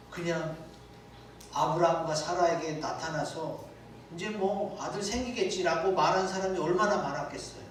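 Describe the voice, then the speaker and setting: A pastor preaching a sermon in a church, talking conversationally and asking his listeners rhetorical questions. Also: fairly high pitch. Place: church sanctuary. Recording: echoey church hall from far off with faint noise.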